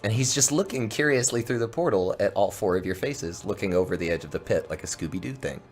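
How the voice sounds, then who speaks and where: A man's voice: sits low, lively intonation, fast, slight background noise. A man running a tabletop game as game master, improvising narration over background music. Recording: music behind the voice.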